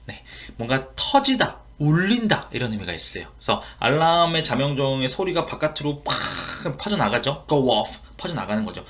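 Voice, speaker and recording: A man's voice: medium pitch, fairly bright tone, slight background noise. A man with a Korean accent teaching English expressions in an online lesson, repeating each phrase and explaining it.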